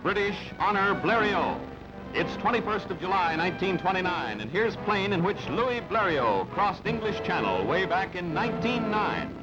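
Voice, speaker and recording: Over loud music, a man narrates a newsreel script in clipped, dramatic announcer style, his voice sitting high with big pitch swings at normal speed. The audio is dull and band-limited.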